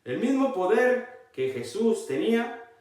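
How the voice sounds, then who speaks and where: A man gives a Bible-reading sermon at an unhurried pace, his pitch rising and falling in lively sweeps. He keeps pressing his listeners to pay attention and repeats key lines. The recording is heavily echoey, with the mic set well away from him. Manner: emphatic, often repeating "look" to the listeners; reads scripture aloud slowly. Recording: very echoey, mic far from speaker.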